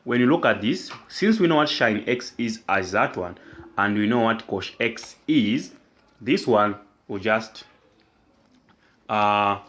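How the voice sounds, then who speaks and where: A man's voice: lowish voice, expressive, a bit bright. A man tutoring math, explaining step by step and asking himself questions that he then answers. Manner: asks and answers his own questions; slow, repetitive, deliberate explanation. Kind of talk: whiteboard math lesson.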